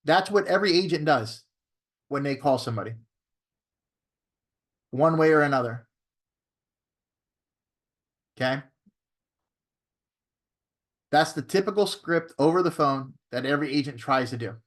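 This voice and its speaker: A Florida man teaches a real estate training class in a casual, conversational style, repeatedly asking "okay?" and "right?" to check in with listeners. He acts out phone scripts in a shifted tone. His voice is on the high side, expressive, a little fast, with long pauses.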